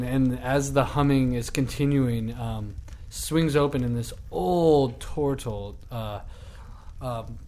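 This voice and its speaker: A man narrating as game master of a tabletop role-playing game, describing scenes with a relaxed, laughing manner. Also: medium pitch.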